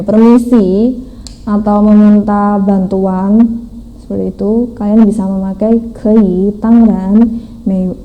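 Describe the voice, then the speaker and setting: A woman teaching a language class, explaining slowly step by step and mixing in English phrases. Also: mid-range voice, lo-fi sound. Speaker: Mandarin teacher. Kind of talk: online language lesson.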